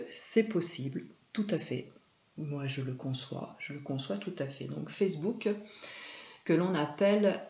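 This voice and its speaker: A woman's voice: low voice, darkish tone. A woman from France presenting a video lesson on film and media, talking unhurriedly with many hesitations and self-corrections. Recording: echoey room, dull lo-fi sound.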